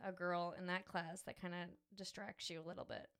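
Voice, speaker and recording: A woman's voice: fairly low pitch, flat delivery, a little fast, a bit bright, smooth. A woman co-hosting a casual family podcast as a mother, talking in a playful, teasing and encouraging way.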